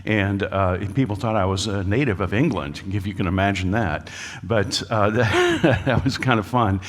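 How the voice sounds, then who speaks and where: In a lecture hall, an American speaker at a creationist talk addresses a live audience, folksy and joking, with lots of filler uhs. His fairly low voice is sing-song at a moderate pace, and the room sounds big.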